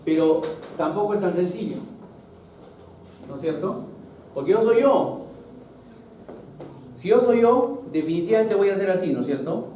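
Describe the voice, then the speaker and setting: Male biology teacher, high-ish voice, patient step-by-step lecturing; recorded from afar in a booming, noisy classroom. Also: expressive, moderate pace, pauses often, warm tone. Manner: explanatory, keeps checking in with "¿no es cierto?". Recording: very echoey noisy classroom, far mic.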